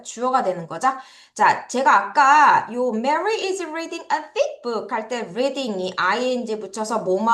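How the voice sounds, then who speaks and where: Korean-accented woman, english vocabulary teacher, unhurried delivery, echoey room. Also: fairly high pitch, a bit bright. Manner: drills pronunciation, asks students to repeat. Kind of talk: online vocabulary lesson.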